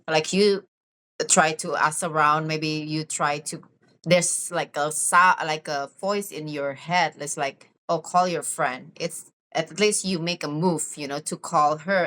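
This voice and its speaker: A woman's voice: low voice, steady tone, unhurried, a bit bright. A woman co-hosting a podcast, reflecting in a casual way and mixing two languages as she talks. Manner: reflective, mixes Indonesian and English. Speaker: podcast co-host. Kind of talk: casual conversation.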